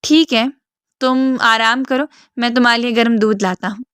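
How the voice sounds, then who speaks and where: A protective former soldier speaks to his daughter with gentle concern in a storybook reading, voiced by a woman. The voice is a touch high and dry. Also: steady tone, clean tone, no echo, close to an everyday voice.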